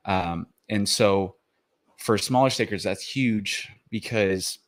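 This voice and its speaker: A man with a fairly low voice walks through his slides in a loose, rambling way. He is slightly out of breath and leans on fillers and restarts as he explains. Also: slow. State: out of breath after the gym. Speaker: crypto video host. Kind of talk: casual explainer presentation.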